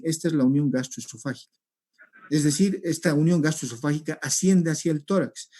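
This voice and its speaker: A man giving a recorded medical lecture over slides, explaining step by step and often checking with a quick "¿sí?". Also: a little high, warm tone. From Peru. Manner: explanatory, repeats points, checks with rhetorical "¿sí?".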